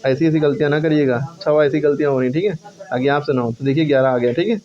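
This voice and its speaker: Male teacher, slightly high voice, classroom lesson, counts aloud and self-corrects; dull lo-fi recording. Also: fast, dark tone. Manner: counts syllables aloud, checks and corrects himself. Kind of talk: classroom lesson on Hindi verse meter.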